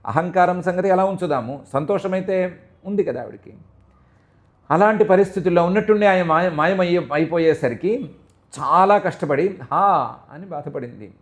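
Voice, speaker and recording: Male religious discourse speaker, high-pitched, chants verse lines, then explains them with feeling. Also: animated, a little fast. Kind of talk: devotional scripture discourse.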